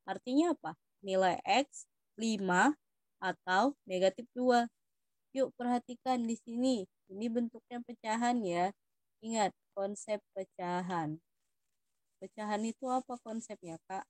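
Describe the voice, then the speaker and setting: Young woman with an indonesian accent, patient math tutor, talks to students, kinda high voice. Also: a little slow, pauses often, dry recording. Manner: patient, addresses students as "Dik". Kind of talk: math lesson explaining test questions.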